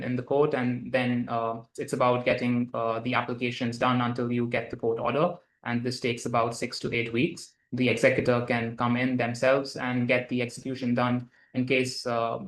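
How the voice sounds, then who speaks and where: A man, a lawyer, answering interview questions at length, with many fillers and restarts. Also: medium pitch. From Dubai. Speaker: lawyer guest. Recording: roomy echo.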